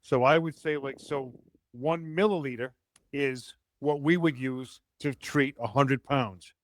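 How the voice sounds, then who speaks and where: A man's voice: mid-range voice, unhurried, no room sound. A man hosting a call-in show, talking practically and reassuringly in a casual chat. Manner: practical, reassuring, conversational with fillers. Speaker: host.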